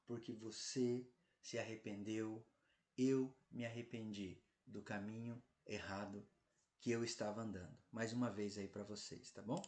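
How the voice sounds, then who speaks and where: A man's voice: lowish voice, fairly even intonation. Brazilian pastor guy preaching n praying, emphatic, drawn out in spots, echoey church room. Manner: emphatic, rising on key phrases, then soft and slow. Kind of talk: sermon with closing prayer. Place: church sanctuary.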